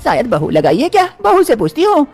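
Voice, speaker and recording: The narrator voicing a fussy older village mother-in-law in an animated story, calling out loudly. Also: high voice, brisk, soft background music, voice pushed up, heavily acted. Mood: fussing. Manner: calls out loudly, fussing.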